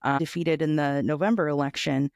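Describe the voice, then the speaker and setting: A woman's voice: sits low, fairly even intonation, a little fast, gravelly, darkish tone, dry recording, studio quality. A woman co-hosting a casual political podcast who speaks in an earnest, plain way. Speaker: podcast co-host and state lawmaker.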